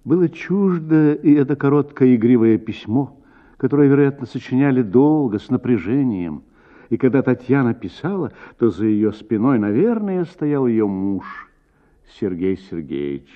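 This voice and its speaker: A radio narrator, a man with a medium pitch and big swings in intonation, reads a literary short story using measured, dramatic phrasing and drawn-out words. The audio is narrow and tinny.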